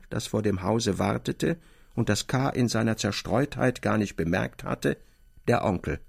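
A man narrating a radio play in an expressive, storytelling way, with a gravelly, husky voice. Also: on the low side.

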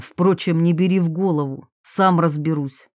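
Woman doing a low, soft-spoken grown man. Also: steady tone, normal speed, dry recording, studio quality, natural voice. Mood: amused. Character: calm grown man, gentle teasing husband.

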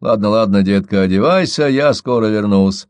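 A man's voice: on the low side, normal speed, darkish tone, no echo, close to an everyday voice. A man voicing a brutish, mocking young man who talks smugly and sneers, in a storybook reading. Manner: smug and sneering.

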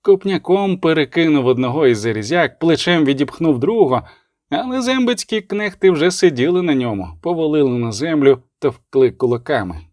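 A male audiobook narrator with a slightly high voice and an animated, expressive pitch. He reads with dramatic flair in a dry, close recording. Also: a little fast, no echo. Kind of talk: scripted narration.

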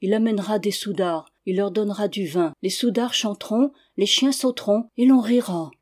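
A cheerful little boy chanting happily in a singsong. A reader voices him in an audiobook, pitching up a little and getting louder. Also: moderate pace, close to an everyday voice. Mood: gleeful. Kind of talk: audiobook reading.

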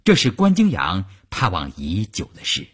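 A man reading an audiobook with animated storytelling. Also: sits low, moderate pace, slightly rough. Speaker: narrator. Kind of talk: audiobook narration.

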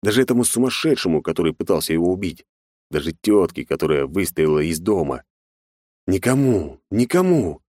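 Male narrator, low voice, dry close sound, tense dramatic reading. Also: lively intonation, fast, darkish tone, no echo. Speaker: audiobook narrator. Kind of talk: scripted narration.

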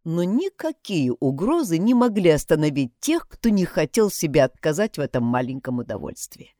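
A woman narrating an audiobook in an expressive, dramatic way. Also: sits low, normal speed, dry recording, studio quality.

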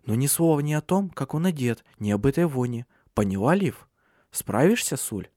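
A man voicing an anxious young mother giving quick instructions to her children in an audiobook. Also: mid-range voice, very animated, a little mellow, dry recording, studio quality, pitched above the performer's own voice. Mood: hurried. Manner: hurried.

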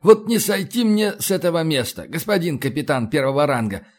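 A man putting on a gruff, folksy navy bosun. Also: on the high side, big pitch swings, brisk. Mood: sheepish. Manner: colloquial, rambling sailor talk.

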